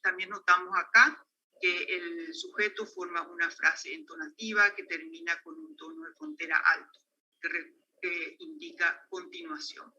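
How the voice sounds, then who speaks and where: Male lecturer, Paraguayan accent, higher voice, hesitant academic delivery, dull livestream sound. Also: expressive, unhurried, sharp tone, slightly rough. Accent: Paraguayan Spanish. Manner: hesitant, many fillers and restarts. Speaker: conference lecturer on linguistics.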